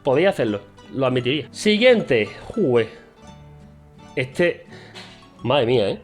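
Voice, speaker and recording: A man's voice: mid-range voice, sing-song, measured pace, soft background music. A man with a Spain Spanish accent chatting to camera as a vlogger, in a playful, self-mocking and chatty way. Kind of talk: casual chat to camera.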